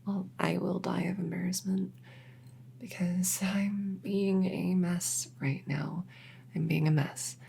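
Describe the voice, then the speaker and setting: A woman playing a shy, smitten elf neighbor in an ASMR role-play, soft and breathy, stammering hesitantly as she gently cares for the listener. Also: lowish voice, steady tone, slow pace, exaggerated voice. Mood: flustered, embarrassed. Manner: hesitant, stammering, awkward rambling.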